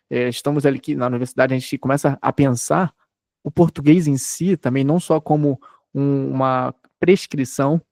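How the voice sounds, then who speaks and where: Gravelly-voiced man giving a casual lecture. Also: medium pitch, darkish tone, no room sound, studio quality. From Brazil. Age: 30s. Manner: conversational, frequent tag questions. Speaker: university lecturer. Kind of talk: recorded online lecture. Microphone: desk microphone.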